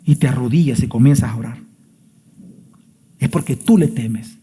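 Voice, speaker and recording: A man's voice: medium pitch, moderate pace, dark tone, slight background noise. A man, a pastor preaching an emphatic sermon full of rhetorical questions in a church sanctuary. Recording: long church reverb.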